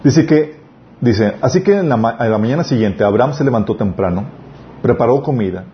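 A man preaching a sermon and reading scripture aloud, earnest, with restarted words and emphatic peaks. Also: medium pitch. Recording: dull lo-fi recording with faint noise.

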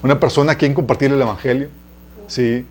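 A man's voice: mid-range voice, steady tone, a little fast, darkish tone. Chatty Mexican man preaching. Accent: Mexican Spanish. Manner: chatty, addresses listeners as "chicos", asks them questions; laughs at his own stories. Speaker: preacher teaching a church series. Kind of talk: conversational teaching sermon with personal stories.

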